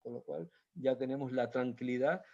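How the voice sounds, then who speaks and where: A man's voice: medium pitch, moderate pace, creaky, dark tone. A man, a doctor, giving an informal health talk with slides, explaining patiently and repeating points with many hesitations. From Spain. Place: Canary Islands. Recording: dull lo-fi sound.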